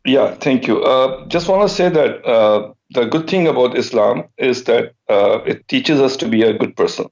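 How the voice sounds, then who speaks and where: A man's voice: medium pitch, moderate pace, vocal fry, hardly any pauses, darkish tone. A hesitant male caller on a dull line. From Switzerland. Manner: hesitant, many fillers and repeats. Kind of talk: phone-in debate.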